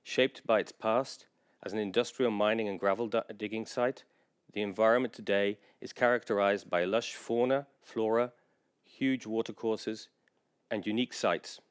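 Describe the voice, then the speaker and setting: A man giving a measured, informative conference presentation as a general manager, pausing often on fillers. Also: on the low side, steady tone, clean tone. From England.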